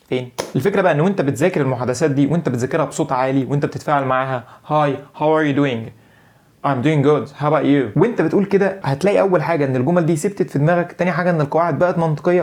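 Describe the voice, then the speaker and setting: Young Egyptian man, video lesson host, rapid-fire chatty delivery, voice sits a bit high. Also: a little mellow. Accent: Egyptian Arabic. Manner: direct, chatty advice to the viewer. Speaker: English-learning video host.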